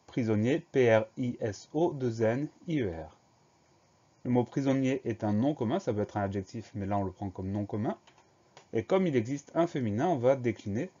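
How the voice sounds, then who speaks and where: Man slowly spelling out words. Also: medium pitch, expressive, warm tone, muffled recording. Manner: slow, careful letter-by-letter spelling. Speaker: teacher. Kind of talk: spelling lesson.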